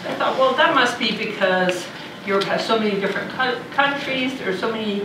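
Background noise surrounds a visiting lecturer, a middle-aged Danish woman, as she gives a brisk, conversational university lecture in a large hall. Her pitch is fairly high, she thinks aloud with fillers, and the room mic sits far from her.

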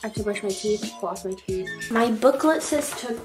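A teenage girl vlogs in bubbly casual chat, her medium-pitched voice moving at normal speed with a slight new lisp and plenty of fillers. She's recorded on a camera mic with music playing in the background.

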